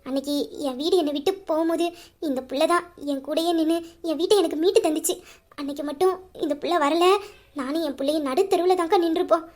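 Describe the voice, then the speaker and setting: A woman voicing an earnest middle-aged woman who softly pleads in an amateur audio drama. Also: very high-pitched, fast talker. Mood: earnest pleading.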